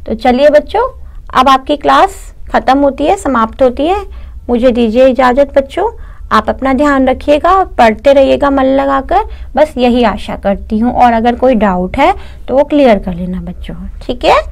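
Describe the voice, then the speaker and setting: High-voiced woman teaching children. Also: lively intonation, normal speed, vocal fry. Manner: explains patiently, often asking and answering her own questions; mixes English words into her speech. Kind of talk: online class lesson for children.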